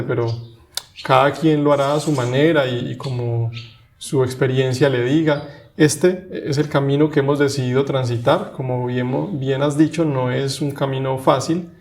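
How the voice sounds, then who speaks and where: A man, co-hosting a casual talk in a measured, reflective way. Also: mid-range voice, a little mellow. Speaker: podcast co-host. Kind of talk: casual conversation.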